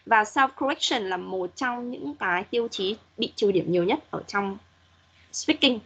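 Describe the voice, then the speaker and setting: A woman's voice: medium pitch, lively intonation, normal speed, a bit bright, husky. A woman English teacher giving patient, corrective feedback to students in an online class, modeling pronunciation as she goes.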